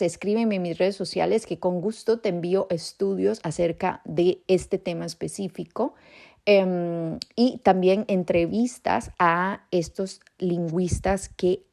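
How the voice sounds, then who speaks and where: Woman podcast host, slow and unhurried, gravelly fry, calm explanatory talk aimed at parents. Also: on the low side.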